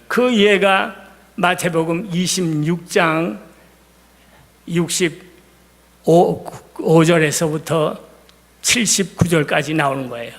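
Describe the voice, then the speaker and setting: A male pastor preaching a sermon, retelling scripture dramatically and swinging between loud emphasis and hushed words. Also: a little high, slow, pauses often. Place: church sanctuary. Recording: long hall reverb.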